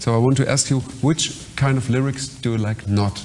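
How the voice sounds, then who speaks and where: A man with a German accent interviewing in halting English that he mixes with German, laughing easily. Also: medium pitch, steady tone, background noise.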